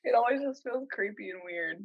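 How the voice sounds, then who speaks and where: A woman's voice: a little high, lively intonation, a little fast, breathy edge, no echo. A woman in her twenties co-hosting a podcast, chatting casually from her apartment over a video call, laughing often and swearing freely. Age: 20s. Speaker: podcast co-host. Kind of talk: casual chat. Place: her new apartment, indoors. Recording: dull dry video-call audio.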